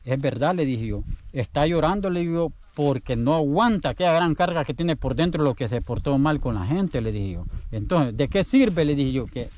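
A man's voice: a little high, lively intonation, moderate pace, few pauses, a little mellow, highs cut off. A Salvadoran man telling a story in casual, rambling speech, often repeating himself. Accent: Salvadoran Spanish. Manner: chatty, rambling, repeats his words. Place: outdoors in the countryside.

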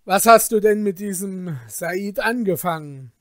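Guy reading as a stern caliph, slow and bossy, no echo at all. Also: high voice, fairly bright tone, clean studio sound, pitched above the performer's own voice. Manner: measured and authoritative. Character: stern commanding male caliph.

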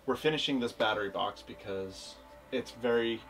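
A young man co-hosts a relaxed tour of a small boat, playful and quick to tease. He sounds slightly removed from the camera mic in a wooden cabin. Faint music runs behind him. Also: mid-range voice, distant mic. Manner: upbeat, teasing, laughs often. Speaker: boat-owning video host. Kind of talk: casual chat, boat tour.

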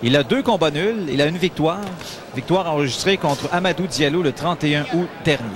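A man's voice: fairly high pitch, lively intonation, brisk, crowd noise. A man with a Quebec accent giving boxing commentary on television. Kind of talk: TV sports commentary.

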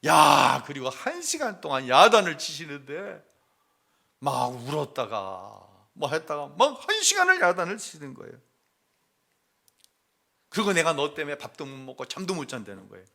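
A middle-aged male pastor telling a personal family story in a sermon, moving between hushed confession and loud acted-out quotes. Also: on the high side, wildly swooping pitch, normal speed, vocal fry.

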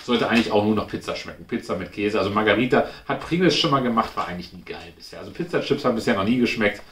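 This man's voice sits on the low side, animated and fairly bright, and he talks rapid-fire. He's a food review host thinking aloud during an informal snack taste-test, filmed indoors at home before a glass cabinet. Expect a roomy echo and clear background noise.

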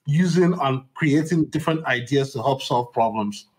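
A man's voice: medium pitch, moderate pace. A man hosting a business podcast, asking questions in a conversational way with fillers like um and you know. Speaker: podcast host.

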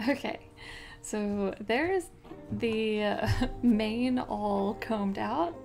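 Speaking very slowly in a mid-range, darkish voice with vocal fry, a young woman hosts a casual crochet tutorial in her home craft room. She stays chatty and upbeat, laughs often, and soft music plays in the background as she works through each step.

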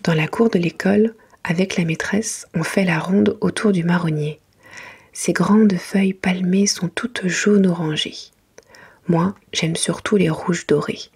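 A woman reading a children's picture book in a soft, gentle whisper, as ASMR for bedtime. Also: lowish voice, steady tone, unhurried. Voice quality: breathy, mostly whispered soft voice.

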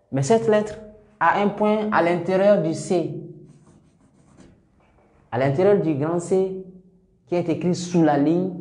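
A man teaching Arabic letters step by step, slowly repeating each sound for learners to copy. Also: fairly high pitch, a little mellow, echoey room. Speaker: Quran teacher.

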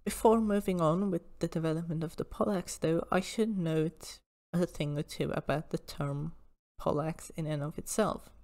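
A woman presenting an informal history lecture in a measured, precise, explanatory way. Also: low voice, fairly even intonation, a little mellow.

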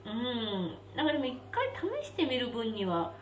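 A young woman hosts a casual live stream, eating spicy noodles while chatting, reacting aloud and reading viewer comments. Her voice sits on the high side with lively intonation at a normal speed. The mic is roomy and slightly distant, with a faint hum in the background.

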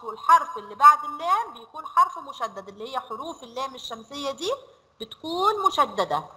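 A woman with an Egyptian Arabic accent teaching a children's lesson, stretching words out slowly as she drills them. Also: high-pitched, bright, forceful tone, low-quality recording. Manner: slow, drawn-out word drills.

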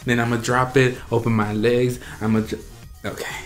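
Excitable man gushing over a music video. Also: mid-range voice, fairly quick. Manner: excitable, gushing, laughing, trailing off. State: out of breath. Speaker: reaction video host. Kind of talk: casual reaction commentary.

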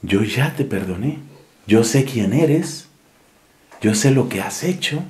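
Un hombre con acento colombiano que da voz a Dios como un padre tierno que perdona, con tono suave y tranquilizador. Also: male voice, mid-range voice, expressive, slow pace, voice pushed down. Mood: tender. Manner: gentle, reassuring. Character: tender forgiving father, God. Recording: echoey room.

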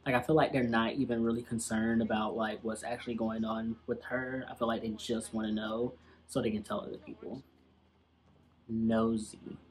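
A man's voice: fairly low pitch, flat delivery, moderate pace, a little hiss or hum. A young man giving casual, slangy and sassy commentary as he reacts to an old TV episode.

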